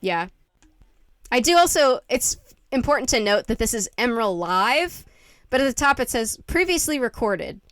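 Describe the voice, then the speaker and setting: A woman's voice: on the high side, big pitch swings, normal speed, fairly bright tone, dry recording. A woman co-hosting a podcast in casual chat, talking in a chatty, laughing way full of filler words. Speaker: podcast co-host.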